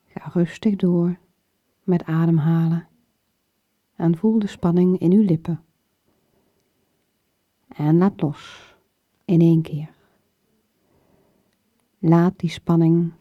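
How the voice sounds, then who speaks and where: A woman guiding a muscle relaxation exercise in short, soothing phrases, her soft breathy voice often falling toward a whisper. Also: on the low side. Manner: slow, soothing, with pauses between short phrases. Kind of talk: guided muscle relaxation instruction. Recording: dull lo-fi recording with room echo.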